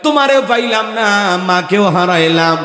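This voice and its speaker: A man's voice: high voice, expressive, moderate pace. A man voicing a remorseful young son who begs tearfully. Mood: pleading. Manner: tearful pleading. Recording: echoey hall over loudspeakers.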